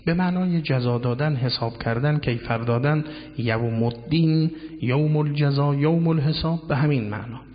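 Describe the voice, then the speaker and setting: A man giving a measured lecture on word origins, drawing out key words and reciting Arabic phrases. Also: on the high side. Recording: dull lo-fi sound with long hall reverb.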